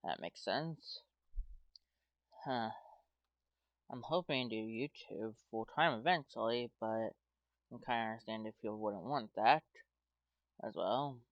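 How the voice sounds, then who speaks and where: A man's voice: on the low side, unhurried, long pauses, no echo, muffled recording. An American man rambling hesitantly in casual commentary as a YouTuber, talking his way through his thoughts with lots of "well" and "like". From United States. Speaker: YouTuber playing a game.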